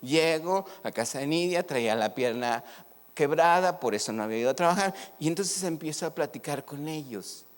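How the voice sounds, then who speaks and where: A man's voice: fairly high pitch, moderate pace. A middle-aged man with a northern Mexican accent, preaching a sermon and telling personal stories, acting out the dialogue. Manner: animated, acts out dialogue in his stories. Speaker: pastor. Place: church hall. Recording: long reverb of a church hall.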